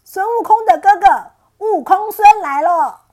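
A brash monkey king hero from a children's storybook, shouting his taunts high and loud with a cocky swagger, as a woman puts him on. His voice leaps up and down, full of bold mischief. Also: expressive, fast, slightly rough. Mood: mocking shouts.

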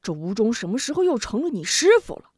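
A woman voicing a worldly older male bandit who keeps scolding his slow companion in exasperation. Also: on the high side, sing-song, a little mellow, slightly rough, no room sound, studio quality. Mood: exasperated.

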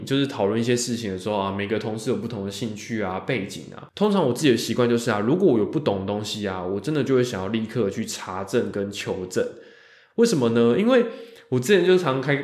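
A lone podcast host chats casually in a mid-range, slightly mellow voice, often drawing out the particles that end his phrases. The room gives the recording a roomy echo.

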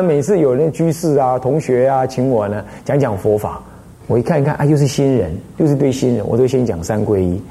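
Lively mellow-voiced older abbot lecturing. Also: male voice, mid-range voice, vocal fry. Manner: teacherly, checks in with rhetorical questions. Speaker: Buddhist abbot teaching. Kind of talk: Buddhist dharma lecture.

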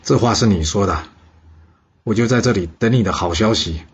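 A man voicing an angry, domineering king in a stern, commanding manner, in a husky voice on a dull recording. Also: lowish voice, moderate pace.

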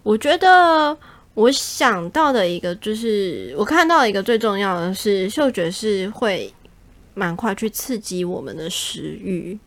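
A woman's voice: mid-range voice, lively intonation, a little slow. A woman with a Taiwanese Mandarin accent, chatting casually as a podcast co-host. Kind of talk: casual chat.

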